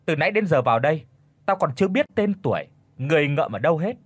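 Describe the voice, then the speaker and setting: Sneering wealthy old matriarch, put on by a man, raised husky voice, lively swings, dry audio storybook. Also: on the high side, quick pace, dry recording. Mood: scornful. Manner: scornful, cutting. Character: haughty rich older mother-in-law, scornful.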